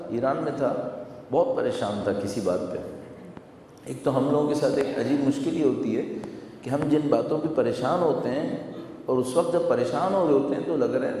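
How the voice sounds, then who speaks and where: A man's voice: medium pitch, mellow, slight background noise. A man giving a sermon in a conversational, storytelling way, repeating phrases for emphasis. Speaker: religious preacher. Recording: echoey hall with long reverb.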